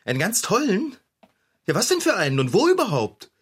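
A man playing a cheerful, optimistic bicycle repairman in a children's radio play, excitable and husky. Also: a little fast, heavily acted. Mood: excited. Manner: excitable, swoops wildly in pitch.

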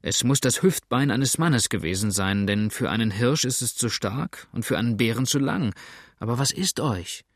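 A man's voice: medium pitch, dry recording, studio quality, lightly acted. A man doing a musing old frontiersman. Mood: alarmed. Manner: slow, musing. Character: thoughtful old frontiersman, calm and curious.

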